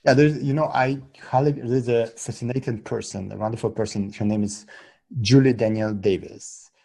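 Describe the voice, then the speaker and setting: A middle-aged man born in Russia and raised in Israel, a guest talking casually in halting English full of restarts. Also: medium pitch, steady tone, creaky, dark tone. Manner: halting non-native English with many restarts. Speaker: podcast guest, app co-founder. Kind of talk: casual interview talk.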